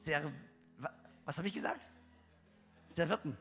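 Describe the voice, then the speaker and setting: A man's voice: sits high, expressive, moderate pace, fairly bright tone, faint music behind. A young man preaching a humorous sermon to his congregation, chatty and joking, with lots of fillers and restarts. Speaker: pastor. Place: church hall. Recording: long hall reverb.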